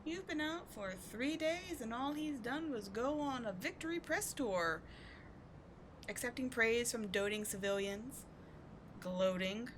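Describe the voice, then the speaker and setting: A woman with a slightly high, expressive voice speaks unhurriedly in a dramatic ASMR audio roleplay, playing a bitter, wounded villain who secretly cares for her rival's sidekick. She sounds contemptuous, sardonic, exasperated and emotionally intense. The low-quality recording has clearly audible background noise.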